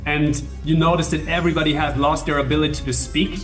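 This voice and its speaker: A man's voice: fairly high pitch, level tone. Playful man from Germany on a video call. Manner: playful, laughing, with halting restarts. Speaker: video game company founder. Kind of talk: casual video-chat conversation. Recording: distant video-chat audio with music.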